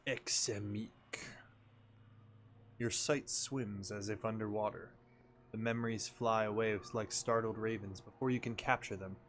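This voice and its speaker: A man reading a game's story text aloud as a narrator, in a measured, dramatic storytelling manner. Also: on the low side, fairly even intonation, fairly bright tone, slight background noise. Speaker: video game player and narrator.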